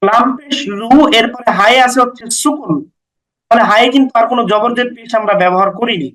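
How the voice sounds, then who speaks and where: A man teaching Quran recitation, patiently repeating letter names and vowel marks slowly for his listeners to follow. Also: extremely high pitch, bright, forceful tone, low-quality recording. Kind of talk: step-by-step recitation lesson.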